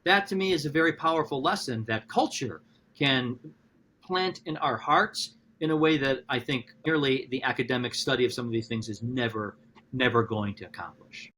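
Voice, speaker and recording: Animated male professor thinking aloud. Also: normal speed. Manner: animated, talks through ideas with frequent restarts; acts out quotes with sudden high-pitched voices. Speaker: philosophy professor. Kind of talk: podcast conversation.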